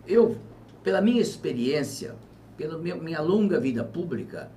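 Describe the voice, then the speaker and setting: A man in his seventies answers interview questions with long reflective turns that swell into emphatic bursts. His voice is fairly high for a man and swings widely in pitch. He is caught from some distance, with a faint hum of room noise behind him. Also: animated, normal speed, warm tone. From Brazil. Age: 70s. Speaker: former governor, interviewee. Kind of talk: political interview conversation.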